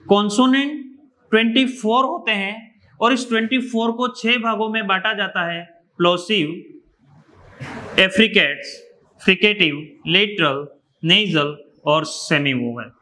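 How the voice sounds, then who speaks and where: Male teacher from India, high voice, methodical and repetitive. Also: unhurried, sharp tone. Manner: explains step by step, repeats key terms. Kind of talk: exam revision lecture.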